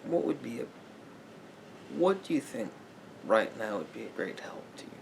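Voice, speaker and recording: A man with a gravelly voice plays a calm, sympathetic therapist speaking to a client in a slow ASMR therapy roleplay. He talks in a halting, thoughtful way, pausing often, and the improvised exchange feels conversational. The recording is noisy, with a low rumble underneath.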